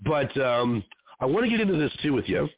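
A man's voice: mid-range voice, big pitch swings, fairly quick, no room sound. Rambling male talk-show host on a phone line. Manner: rambling, conversational, trails off. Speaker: host and producer of an independent show. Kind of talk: interview hosting. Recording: dry, tinny phone-line sound.

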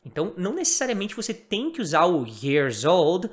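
An English teacher in their forties with a Brazilian Portuguese accent, giving a spoken lesson and slowly repeating English phrases for drilling. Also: medium pitch, big pitch swings. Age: 40s.

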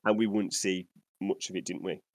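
A man's voice: low-pitched, flat delivery, moderate pace, no echo. A man co-hosting a gaming podcast, telling a story in a rambling, enthusiastic way. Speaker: podcast co-host. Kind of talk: casual storytelling chat.

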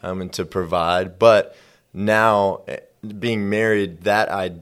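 A man with a low, smooth and resonant voice, talking in a faith-based podcast. He speaks in a measured, reflective way and fills his pauses with soft "uh"s. Now and then he slips in dry, self-deprecating humor. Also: steady tone. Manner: thoughtful, measured, uses fillers like "uh" and "um".

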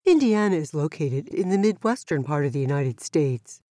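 A woman acts out a knowledgeable, friendly cartoon tortoise. The voice is low for a woman, measured and precise, explaining patiently to children. The sound is close and dry. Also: sing-song, warm tone, dry recording. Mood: helpful, instructive. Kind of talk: scripted educational dialogue for children.

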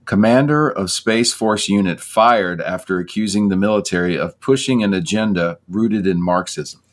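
A man's voice: on the low side, normal speed. A man hosting a casual podcast, joking and chatty. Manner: joking, chatty, laughs between remarks.

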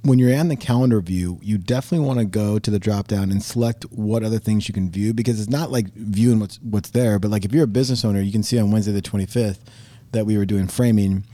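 A man's voice: fairly low pitch, fast, mellow, dry recording. A man co-hosting a podcast, jokey and loose in casual chat. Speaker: podcast co-host.

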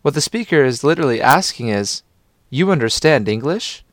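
A man's voice: medium pitch, lively intonation, moderate pace, dry recording, clean studio sound. A man giving scripted instructional narration for a language course, patiently prompting the listener to repeat.

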